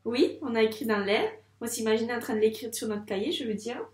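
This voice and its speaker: A woman teaching a first-grade handwriting lesson, speaking slowly and patiently and encouraging the child directly. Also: fairly high pitch, roomy sound, recorded from a distance.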